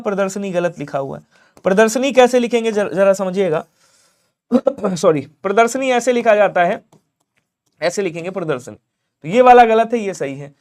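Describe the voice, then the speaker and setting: A man with a high voice teaches an exam-prep Hindi lesson online. He works through each question step by step, putting questions to the viewers and answering them himself, in a patient explaining tone. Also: a little mellow.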